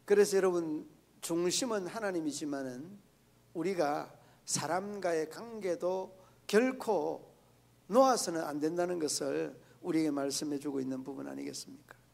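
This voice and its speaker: A pastor preaches to his congregation in a high, gravelly voice. He talks to them in a conversational way and keeps putting questions to the room. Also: normal speed, darkish tone. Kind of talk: sermon. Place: church prayer meeting.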